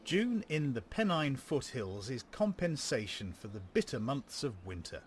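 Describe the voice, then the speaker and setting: A man co-hosting a podcast, giving scripted true-crime narration in a measured storytelling delivery. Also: medium pitch, sing-song, soft background music.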